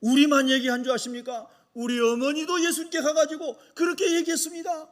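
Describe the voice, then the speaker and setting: A pastor voicing the apostle John, confessing. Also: male voice, extremely high pitch, level tone, brisk. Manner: earnest first-person confession, subdued. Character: humble hot-tempered male Galilean fisherman apostle, confessing.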